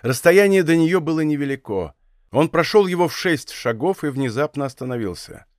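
A man's voice: on the high side, lively intonation, moderate pace, no echo. A man narrating a historical novel in a studio audiobook, reading expressively and theatrically. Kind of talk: scripted narration. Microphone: studio mic.

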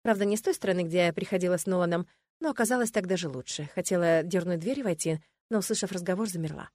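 A woman reading a first-person fantasy audiobook with lively, wry storytelling. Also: fairly low pitch, fast, no room sound. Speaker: audiobook narrator.

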